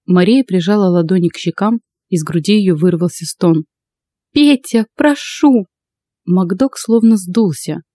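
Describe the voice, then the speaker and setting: A woman narrating first-person fiction for an audiobook in a calm, even storytelling voice. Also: fairly low pitch, normal speed, hardly any pauses, no room sound.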